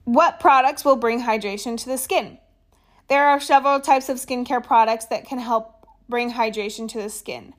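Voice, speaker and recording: Higher-voiced woman explaining skincare. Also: normal speed. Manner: steady reading with small stumbles and casual asides. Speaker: skincare educator. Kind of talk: reading an explainer with asides.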